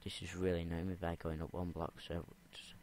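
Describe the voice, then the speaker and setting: A man's voice: low voice, flat delivery, brisk, darkish tone, a little hiss or hum. A young man rambling and talking to himself as he plays a game, repeating words under his breath. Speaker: gamer. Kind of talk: game commentary.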